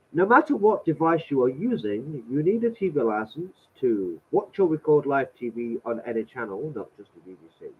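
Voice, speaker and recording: Through tinny, phone-like audio, a vlogger with a cold reads out a letter, his voice fairly high, slightly rough, and a little nasal. He comments sarcastically along the way, sounding exasperated and swearing.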